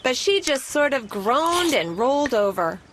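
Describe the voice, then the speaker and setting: Woman reading a kids storybook aloud, very expressive, kinda high voice, hiss in the background. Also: a little slow. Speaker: storybook narrator. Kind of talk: scripted children's story narration.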